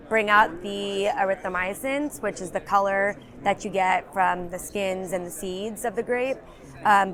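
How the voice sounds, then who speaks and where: A woman working as a beverage sales representative, explaining ingredients in a trade show interview, with frequent ums and you-knows. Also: mid-range voice. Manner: explanatory, many fillers like um and you know.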